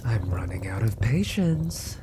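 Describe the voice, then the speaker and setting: An actor voices a menacing, centuries-old sorcerer-scientist in a fantasy audio drama, smug and theatrical, sometimes slipping into whispers with cold menace. The voice is medium-pitched with big pitch swings and a measured pace, over heavy background noise.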